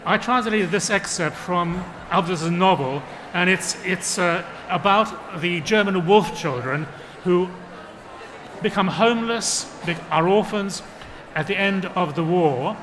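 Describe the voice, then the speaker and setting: A fairly high-pitched man reads his own translation to a live audience and comments on it, voicing each character's lines as he goes. A steady hum of background noise runs under the recording. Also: unhurried. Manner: acts out the characters' lines in shifting voices. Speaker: literary translator on a panel. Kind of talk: reading a translated excerpt aloud with commentary. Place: panel session at a book fair.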